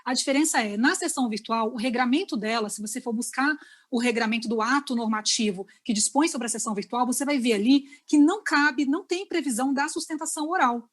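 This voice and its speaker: High-voiced Brazilian woman lecturing online. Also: fast. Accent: Brazilian Portuguese. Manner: explanatory, keeps checking in with listeners. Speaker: lawyer giving a lecture.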